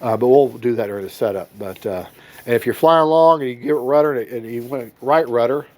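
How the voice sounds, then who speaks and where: A nasal, cold-affected man of medium pitch and darkish tone speaks fairly quickly while unboxing a model plane in his home hobby room. As an RC hobby reviewer, he rambles, corrects himself, and keeps things folksy and casual.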